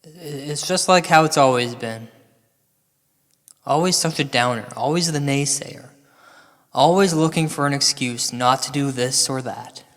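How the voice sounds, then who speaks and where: In a recording with long, large-hall reverb, a man delivers a comic recital and monologue with dramatic exasperation. His mid-range voice is fairly bright and his pace measured. A comic storyteller, he starts with a theatrical poem recital that turns into an exasperated monologue.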